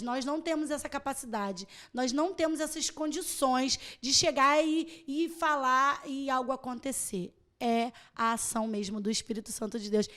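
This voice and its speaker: A woman from Rio, a mission volunteer telling her story as a podcast guest, animated and laughing as she acts out the conversations. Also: high-pitched. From Rio de Janeiro. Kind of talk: podcast testimony.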